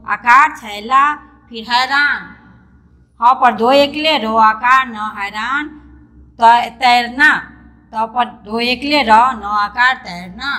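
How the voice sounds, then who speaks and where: High, bright-voiced woman teaching young children. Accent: Indian, Hindi. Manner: patient and repetitive, calls pupils "beta", spells words out letter by letter. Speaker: primary school teacher. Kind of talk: online class lesson for young children.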